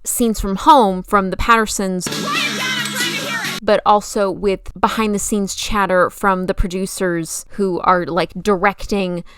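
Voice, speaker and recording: A woman's voice: medium pitch, steady tone, a little slow, over loud music. A woman giving enthusiastic, conversational film commentary in an emphatic, gushing and casually opinionated way. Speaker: video essayist and film commentator.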